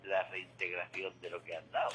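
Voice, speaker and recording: A man with a deep voice and an Andalusian Spanish accent comments on the economy from a local radio studio, speaking at a moderate pace with a completely flat, slightly bright delivery. As a current-affairs commentator he is emphatic and didactic in a conversational way, repeating key figures for emphasis. The audio is poor, with slight background noise.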